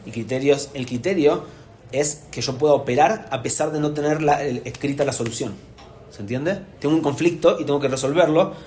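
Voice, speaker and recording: Un hombre con acento que da una clase en vivo a padres como rabino, explicando con ánimo y preguntando a menudo si se entiende. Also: male voice, fairly high pitch, brisk. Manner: animated, explanatory, asks "¿se entiende?" often. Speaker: rabbi teaching parents. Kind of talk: live lecture to an audience. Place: community hall with an audience.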